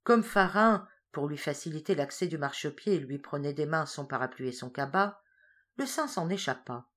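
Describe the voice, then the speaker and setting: A woman reading a story aloud as narrator, slow and measured in the descriptive passages. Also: sits low, animated, fairly bright tone.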